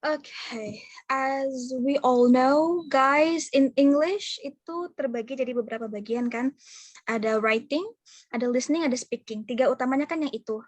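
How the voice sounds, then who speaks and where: A woman's voice: sits high, normal speed, no echo. A young Indonesian woman with an Indonesian accent, a guest chatting casually in an online call and switching between English and Indonesian.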